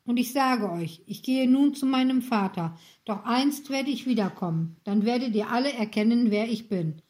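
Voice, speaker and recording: Jesus, a woman voicing a calm gentle man. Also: fairly high pitch, normal speed, close to an everyday voice. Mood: solemn.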